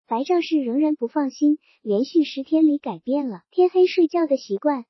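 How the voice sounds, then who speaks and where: A woman reading a novel aloud with an even storytelling delivery. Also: sits high, normal speed, dry recording. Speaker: audiobook reader. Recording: dry dull lo-fi recording.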